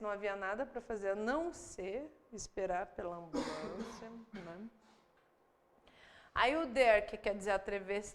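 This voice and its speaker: A woman with a Brazilian Portuguese accent teaching an online English lesson, reading example sentences aloud and translating them step by step. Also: medium pitch. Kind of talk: online exam-prep lesson.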